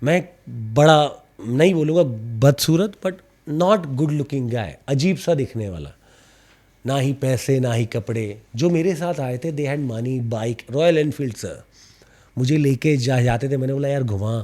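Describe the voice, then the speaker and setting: This actor's voice sits in the middle range, and his delivery is measured as he swaps spirited anecdotes on an informal podcast. A slight stammer and English expressions surface now and then.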